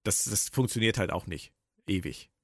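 A man's voice: on the low side, expressive, moderate pace, no echo. Dry-sounding man posing questions. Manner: probing, poses questions to co-hosts. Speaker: podcast host. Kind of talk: casual discussion.

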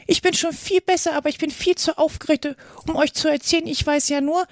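A woman voicing a small, weak male lizard with a squeaky voice, babbling in a flustered way in a storybook reading. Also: steady tone, fairly quick, no echo, clean studio sound. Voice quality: squeaky, shaky high voice.

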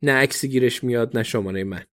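A man's voice: mid-range voice, close to an everyday voice. A man voicing a wry young policewoman. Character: sharp young woman police officer.

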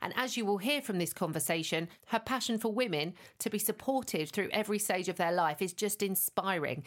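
A woman's voice: mid-range voice, fairly quick. Upbeat woman podcast host. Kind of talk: scripted introduction and interviewing.

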